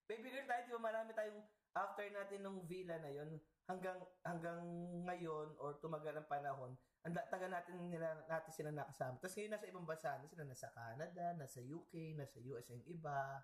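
A man's voice: a little high, fairly quick. A man from the Philippines co-hosting a podcast, telling stories in a playful, sassy, self-mocking way. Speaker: podcast co-host. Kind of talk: casual storytelling chat. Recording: echoey room.

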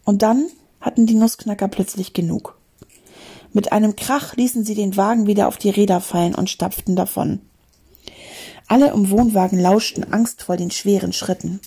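A woman who hosts a show and reads a children's story aloud in a lively, expressive way. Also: mid-range voice, moderate pace, slightly rough. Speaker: children's story reader and host.

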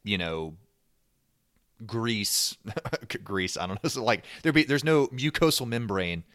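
A man with a low voice hosts a casual podcast chat, riffing and cracking jokes as he goes. His voice is recorded dry and close, with almost no room sound. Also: expressive, takes it slowly, a bit bright, no room sound. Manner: joking, riffing. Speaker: podcast host.

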